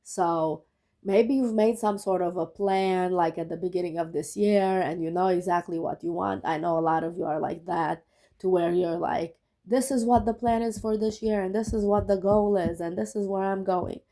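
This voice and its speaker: A woman's voice: lowish voice, steady tone, normal speed, dark tone, rough recording. A woman who is sick gives a casual tarot reading to her viewers in a chatty way, often checking in with "okay?". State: sick, rough voice. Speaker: tarot reader.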